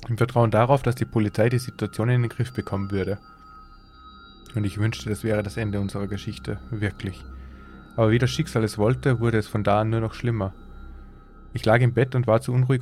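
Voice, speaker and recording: A man hosting a podcast, reading a horror story aloud in a measured, suspenseful way. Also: medium pitch, darkish tone, a little hiss or hum. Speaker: podcast host and story reader.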